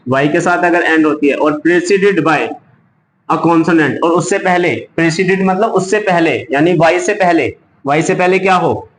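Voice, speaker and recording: A man's voice: fairly high pitch, a little slow. A male teacher giving a grammar lesson, spelling words out letter by letter and answering his own questions. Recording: echoey room, faint background hum.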